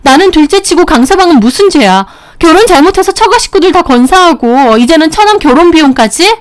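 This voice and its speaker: A woman's voice: extremely high pitch, animated, fairly quick, pitched above the performer's own voice. A woman voicing an exasperated young wife who argues back with her family in a dramatized story reading. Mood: indignant. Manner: indignant, raised voice.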